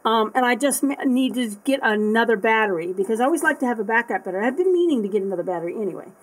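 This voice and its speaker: A woman with a slightly high voice talks her way through an unboxing video. She rambles and thinks aloud, trailing off and restarting with plenty of fillers in a casual, unscripted way. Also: expressive, very fast, rough recording. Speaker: art supply unboxing vlogger.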